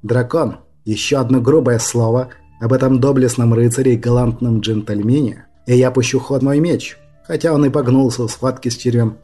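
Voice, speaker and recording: A man's voice: medium pitch, fairly even intonation, moderate pace, few pauses, dark tone, faint music behind, close to an everyday voice. Gallant storybook knight, formal and threatening, voiced by a man. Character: gallant male knight, proud and hot-tempered.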